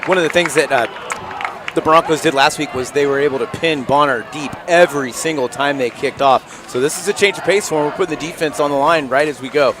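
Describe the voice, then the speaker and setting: A man's voice: a little high, a little fast, background noise. A man giving live football commentary as a color analyst. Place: outdoor football stadium broadcast. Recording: crowd and music behind outdoor broadcast.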